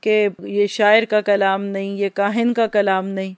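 A woman's voice: medium pitch, flat delivery, clear, resonant tone, dry recording. A woman teaching a religious lecture, telling stories and asking her listeners questions. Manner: storytelling, addresses listeners directly with questions.

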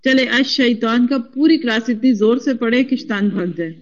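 A woman teaching a classroom lesson, spelling out root letters slowly and coaxing the class to repeat after her. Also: a little high, highs cut off. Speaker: Quran Arabic teacher.

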